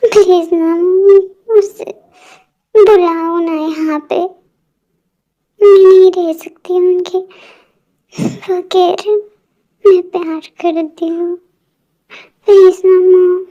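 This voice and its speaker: A woman's voice: high voice, fairly even intonation, very slow, long pauses, darkish tone, highs cut off. A woman voicing a tearful, lovesick young woman who begs her mother while sobbing. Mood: tearful pleading. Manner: pleading, sobbing.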